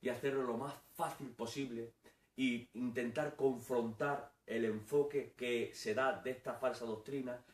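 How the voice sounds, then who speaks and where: A male preacher opening his sermon in a measured, earnest way. His pitch stays level with little movement. He is recorded from a distance in a room with noticeable echo. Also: steady tone. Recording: echoey room, far from the mic.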